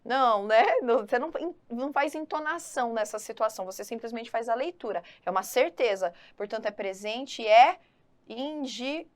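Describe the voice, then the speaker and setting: Female teacher, higher voice, lively and chatty, addresses the student directly in an exam-prep lesson. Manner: lively, talks to the student directly, quick asides. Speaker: Portuguese grammar teacher.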